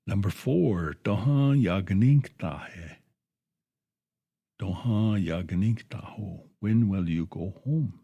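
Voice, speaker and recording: A man teaching a language lesson on the radio, repeating each phrase twice in a slow, patient drill, with a dry folksy humor. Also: sits low, lively intonation, creaky, warm tone, breathy edge, muffled recording.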